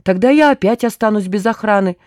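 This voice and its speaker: A woman reading aloud plays a stubborn young woman with a quick, sardonic tongue, bossing people around in a dark, mellow voice. The recording is close and dry. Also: mid-range voice, no echo, voice pushed up, lightly acted. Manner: brisk, sardonic, bossy. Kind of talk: audiobook character voice.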